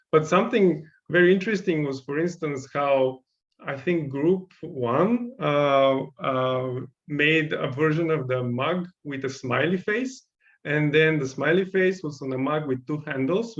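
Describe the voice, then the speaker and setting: A Bulgarian workshop instructor with a mid-range voice and a Bulgarian accent gives encouraging, thoughtful feedback on student designs, often pausing to search for words. The recording sounds lo-fi.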